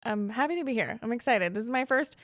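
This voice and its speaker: A woman from the Toronto area, a guest on a podcast in a studio, friendly and quick to laugh in casual chat. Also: fairly high pitch, lively intonation, dry recording. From Toronto area, Canada. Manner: friendly, laughs easily, warm agreeing fillers. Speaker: guest, professional bowler.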